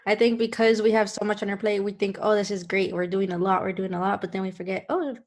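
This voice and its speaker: A woman hosting a podcast interview, asking questions in a relaxed, conversational way. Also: mid-range voice, quick pace. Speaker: podcast host. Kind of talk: casual interview talk.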